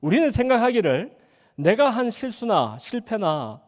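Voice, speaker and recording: A man's voice: sits high, sing-song, normal speed. A male pastor telling a story in a sermon in a church sanctuary, acting out the voices as he goes. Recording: church hall reverb.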